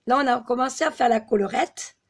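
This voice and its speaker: A slightly hoarse woman giving a step-by-step crochet tutorial, patiently counting stitches aloud. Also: a little high, fairly quick. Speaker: crochet teacher.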